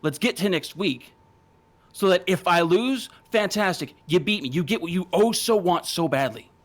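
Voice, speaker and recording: A man's voice: high-pitched, animated, normal speed. A man cutting a confrontational wrestling promo, taunting and swearing. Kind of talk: in-ring promo argument.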